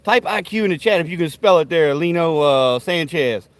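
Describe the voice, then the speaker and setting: Out by a backyard grill, a man hosting a live stream chats with viewers in a rambling, folksy way, full of cussing and rowdy trash talk. His pitch is on the high side, his intonation lively, his pace moderate, and the recording dry.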